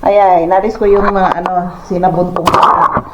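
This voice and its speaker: A woman's voice: on the low side, level tone, normal speed. A woman from Pangasinan with a Pangasinan accent, chatting casually as a vlogger while she makes coffee and does chores at home. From Philippines, Pangasinan. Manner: chatty and rambling, narrating chores as she goes. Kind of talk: casual vlog narration. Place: home kitchen, indoors. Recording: roomy, dull lo-fi with faint noise.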